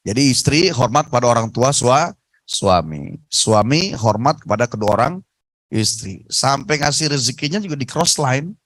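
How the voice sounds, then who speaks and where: A man preaching on a radio talk show, telling stories in a lively, emphatic way. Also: mid-range voice, moderate pace, dry recording, poor audio. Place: radio studio.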